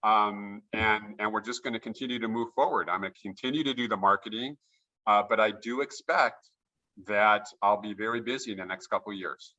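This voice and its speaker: Eager guy on a video call, bright voice, kinda muffled dull audio, keeps restarting. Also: fairly low pitch, fairly quick. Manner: enthusiastic, with frequent restarts. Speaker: guest note investor. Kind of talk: casual interview chat.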